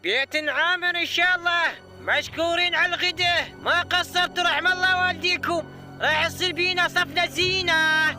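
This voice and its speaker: A man doing an extremely high-voiced Iraqi visitor. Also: fairly even intonation, a little fast, sharp tone, exaggerated voice. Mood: businesslike. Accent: Iraqi Arabic. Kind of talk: comic dialect dialogue. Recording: music behind the voice.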